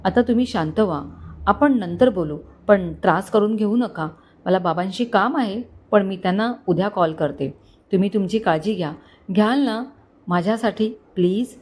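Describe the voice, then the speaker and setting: A woman's voice: mid-range voice, normal speed, darkish tone, natural voice. A woman voicing a hurt, tender young wife in a storybook, pleading and emotional. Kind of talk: storybook dialogue.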